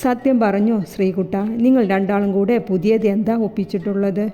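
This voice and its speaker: A woman's voice: mid-range voice, steady tone, fairly quick, warm tone, lightly acted. A woman voicing a watchful middle-aged mother who questions in a probing, suspicious way. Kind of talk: audiobook character voice. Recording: echoey room with faint music.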